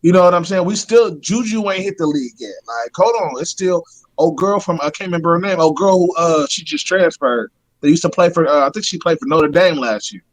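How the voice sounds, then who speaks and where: A man with a slightly raised pitch co-hosts a sports talk show. He speaks loosely and with slang, dropping "like" and "bro" between thoughts. His delivery is lively and casual. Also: brisk, poor audio. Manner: slangy, animated, fillers like "like" and "bro". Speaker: podcast co-host.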